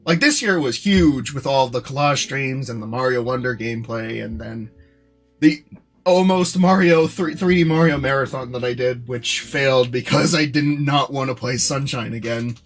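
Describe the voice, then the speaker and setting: A young man streaming live, rambling casually to his chat with lots of fillers and restarts, in what he calls a monotone voice. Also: medium pitch, normal speed, soft background music. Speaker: streamer and animator.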